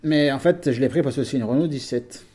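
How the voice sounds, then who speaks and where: A man with a mellow, dark voice talks casually to his viewers from home. He is chatty and hesitant, often pausing on fillers and restarting his sentences. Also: mid-range voice. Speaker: collector vlogger. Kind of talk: casual chat.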